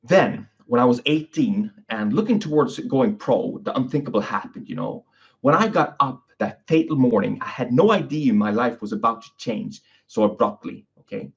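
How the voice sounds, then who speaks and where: On his own podcast, this physiotherapist from Sweden keeps things casual, regularly tacking "okay?" and "you know" onto what he says. He has a mid-range voice with vocal fry, lively intonation and a moderate pace, captured in a dull, lo-fi recording.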